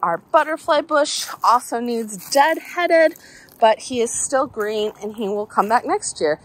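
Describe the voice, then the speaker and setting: On the high side and expressive, her voice moves at a measured pace as this southern Alabama garden vlogger walks and talks. She films on a phone held at arm's length, keeping her chat upbeat and folksy. Behind her are faint outdoor sounds and helicopters passing.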